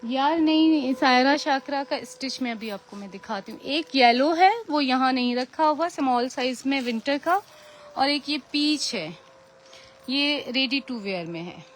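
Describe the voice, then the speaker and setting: A woman's voice: sits high, measured pace, a little hiss or hum. Chatty Pakistani woman selling clothes live. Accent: Pakistani Urdu. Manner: chatty, repeats pious phrases often; firm about fixed prices. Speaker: preloved clothing seller. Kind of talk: casual live-stream sales chat.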